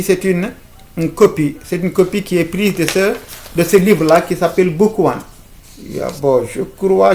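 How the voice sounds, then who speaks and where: A man's voice: a little high, creaky. A man teaching an informal video lesson, hesitant, with many fillers, restarts and repeated words. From Africa.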